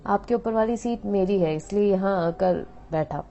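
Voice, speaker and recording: A woman's voice: mid-range voice, moderate pace, warm tone, natural voice. A woman voicing a friendly, chatty young male medical student in a storybook reading. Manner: chatty, teasing, then earnest. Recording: dull lo-fi audio with faint music.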